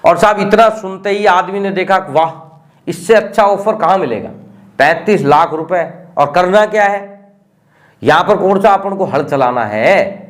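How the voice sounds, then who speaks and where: A man with a rather high voice talks straight to his audience in a casual explainer. His delivery is chatty and conversational, like a host walking viewers step by step through a fraud. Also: unhurried. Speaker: YouTube channel host warning about scams.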